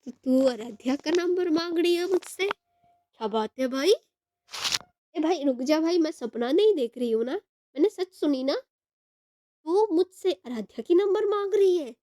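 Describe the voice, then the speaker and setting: A woman voicing a young female friend who is loud, teasing and amazed. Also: sits high, lively intonation, a little slow, no echo.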